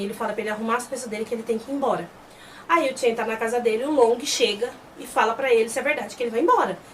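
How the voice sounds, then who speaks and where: Woman host recapping an episode, chatty, voices the characters. Slightly distant mic, faint background noise. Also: fairly high pitch. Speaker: host reviewing a TV series.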